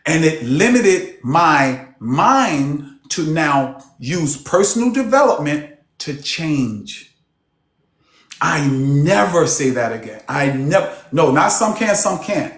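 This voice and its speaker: Lively emphatic male coach. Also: on the high side. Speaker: personal development coach. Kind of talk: motivational group coaching session. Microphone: video call. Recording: roomy echo on a call.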